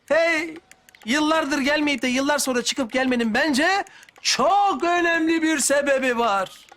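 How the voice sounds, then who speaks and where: A man's voice: very high-pitched, measured pace, sharp tone, heavily acted. An actor playing a sly brother who taunts and needles his sibling in a TV drama. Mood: taunting. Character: sly mocking brother, stirring trouble. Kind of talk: TV drama acting.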